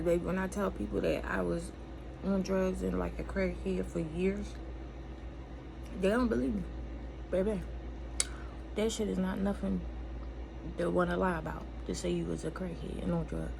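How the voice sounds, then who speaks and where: An American woman chatting in a rambling, casual and confessional way, candid and blunt, with emphatic, profane phrasing and a gravelly voice. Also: lowish voice, steady tone, moderate pace, long pauses. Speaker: vlogger. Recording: clearly noisy room ambience.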